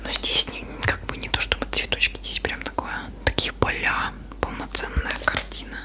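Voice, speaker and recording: Whispering woman, casual ASMR. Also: normal speed. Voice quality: soft unvoiced whisper. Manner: informal, loose, thinking aloud. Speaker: ASMR video creator. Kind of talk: ASMR, casual rambling show-and-tell.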